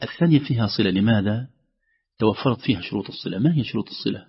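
A man's voice: lowish voice, animated, rapid-fire, breathy edge. A man teaching Quran recitation on the radio, explaining step by step and drawing out sounds to demonstrate them. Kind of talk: radio tajweed lesson. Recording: dull lo-fi radio audio.

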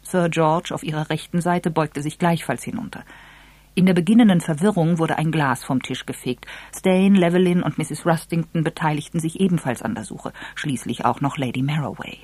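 A storyteller reading a novel aloud with even, measured pacing. The voice has a soft, slightly breathy texture and mid pitch. It is recorded close and dry, with no room around it. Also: no room sound. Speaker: narrator. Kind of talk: audiobook narration.

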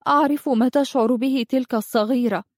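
A woman reading a storybook brings to life an insecure young fairy girl who thinks herself ugly. Her voice rides higher than the narration, anxious and wistful, full of worried questions. The sound is dry and close. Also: brisk, no room sound.

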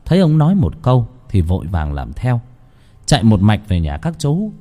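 A man narrating a ghost story in a dramatic, highly expressive storytelling manner. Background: faint music.

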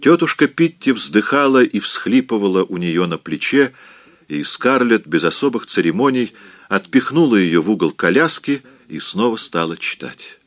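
Male audiobook narrator, deep voice, dramatic delivery. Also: moderate pace, dry recording. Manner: expressive, dramatic reading.

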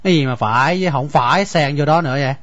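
A man voicing a stubborn young village husband with a Southern Vietnamese accent, stammering and halting as he pleads. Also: fairly high pitch, fairly bright tone, dry recording, close to an everyday voice. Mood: pleading. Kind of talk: radio drama acting. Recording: dull dry lo-fi recording, faint music.

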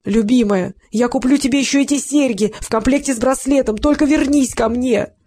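A reader voicing a hot-tempered, jealous husband who pleads loudly with his wife. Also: medium pitch, a little fast, slight background noise, pitched above the performer's own voice, close to an everyday voice. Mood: begging. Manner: loud and pleading, emotional.

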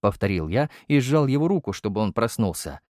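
Male audiobook reader, fairly low, brusque first-person narration with a lot of pitch movement. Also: sing-song, brisk, darkish tone, dry recording, clean studio sound.

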